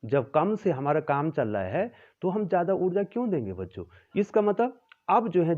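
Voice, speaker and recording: A man teaching a physics lesson to students, repeating key terms, often checking in with them, and correcting himself when he stumbles. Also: mid-range voice. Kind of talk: classroom lecture. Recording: tinny phone-like sound.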